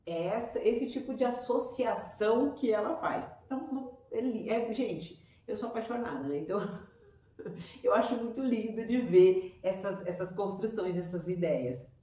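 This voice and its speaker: A woman's voice: medium pitch, animated, measured pace, mellow. A woman teacher with a Brazilian Portuguese accent, explaining children's reading stages to parents in an enthusiastic, chatty way. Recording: echoey room, voice from far off.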